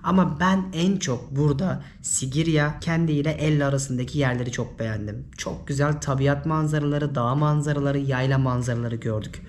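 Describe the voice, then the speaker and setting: A man from Turkey whose voice is hoarse and giving out from illness, giving informal travel advice as a vlogger. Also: fairly high pitch, fairly even intonation, fairly quick, few pauses. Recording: noisy ambient background.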